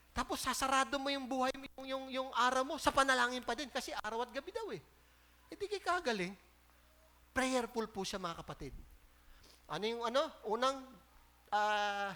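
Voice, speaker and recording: A man with a Filipino accent preaching a sermon as pastor, animated and joking, acting out the voices he quotes. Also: extremely high pitch. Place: church.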